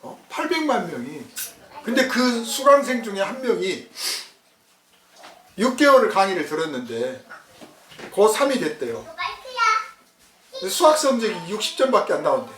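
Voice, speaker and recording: A man preaching a sermon as a pastor, telling a story in a lively way and acting out the voices of the people in it. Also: sits high, moderate pace, pauses often, reverberant, recorded from a distance, background noise. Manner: animated storytelling, acts out dialogue.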